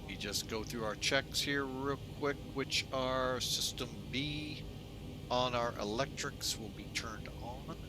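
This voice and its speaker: A man speaks into a pilot's cockpit headset, his voice sitting at an ordinary middle pitch. He chats loosely with his viewers while working through the cockpit. A steady noise hangs under his voice. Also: slow. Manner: relaxed, talks to viewers as "folks". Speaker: flight sim streamer playing airline pilot. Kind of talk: casual commentary while flying a simulator.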